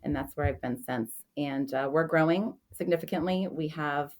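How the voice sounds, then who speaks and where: A middle-aged woman giving a steady, orderly self-introduction as a podcast guest. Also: deep voice, normal speed. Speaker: podcast guest, association president.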